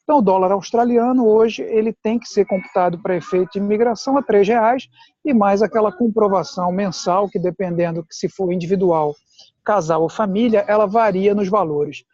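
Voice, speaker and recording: Speaking in a high but mellow voice, a man from Pernambuco, Brazil, acts as a guest adviser and explains matters in a steady, deliberate chat. The dry recording sounds dull and muffled, lo-fi like a video call.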